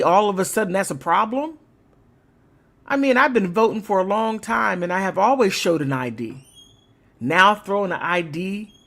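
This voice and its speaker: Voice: mid-range voice, fairly bright tone. A livestream host giving rambling, emphatic political commentary in a casual way, sometimes laughing mid-sentence.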